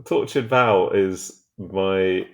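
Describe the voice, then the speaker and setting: A man with a low, gravelly voice co-hosts a casual music chat. He talks in a wry, halting manner.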